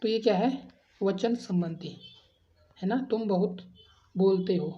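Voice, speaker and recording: A woman teaching an exam-prep grammar lesson, reading out each question and its options. She keeps asking her students what they think before settling on the answer and repeating the option letter. Her voice sits at an ordinary middle pitch, and the recording sounds dull and lo-fi. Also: measured pace, warm tone. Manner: addresses students as friends, asks and answers quiz questions.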